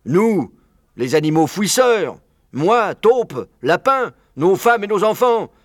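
A man voicing an excitable old male badger, raising his voice high and loud in agitation. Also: takes it slowly, no room sound, clean studio sound, full character voice. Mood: agitated.

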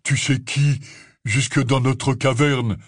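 A man voicing a huge, big-hearted bearded half-giant gamekeeper who talks loud, breathless and gushing. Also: mid-range voice, fairly even intonation, slow pace, dry recording, clean studio sound.

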